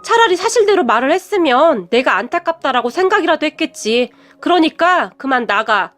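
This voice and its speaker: A woman's voice: sits high, sing-song, normal speed, fairly bright tone, soft background music, pitched above the performer's own voice. Woman narrator doing a cold, hurt young son. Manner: cold, blunt.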